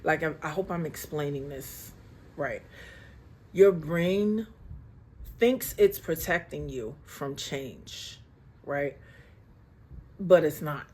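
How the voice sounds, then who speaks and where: Husky-voiced woman vlogger, casual and emphatic, repeats points for effect, motivational talk. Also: low-pitched, expressive, slow pace, pauses often, a little mellow. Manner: emphatic, preachy, repeats herself; calls the viewer baby. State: getting emotional, near tears. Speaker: lifestyle vlogger.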